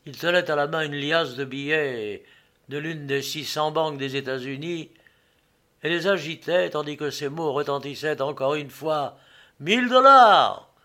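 A man narrating a classic novel as an audiobook, in a measured, expressive storytelling manner. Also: on the high side.

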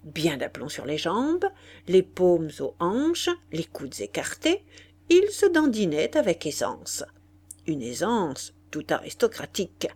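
Slow, measured woman reading a novel. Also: fairly low pitch, slightly rough. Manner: measured, expressive storytelling. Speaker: audiobook reader.

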